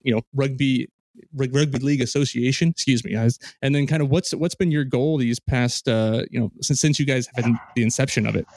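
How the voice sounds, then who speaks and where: A man's voice: medium pitch, fairly quick, darkish tone, no room sound, studio quality. A man hosting a podcast, chatting casually with guests in a loose, rambling way full of ums and restarts. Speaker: podcast host. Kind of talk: casual interview chat.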